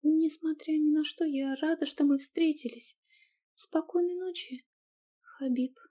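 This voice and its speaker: A woman voicing a frightened, tender young woman in love, speaking in a high, pleading voice. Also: expressive, a little slow, mellow.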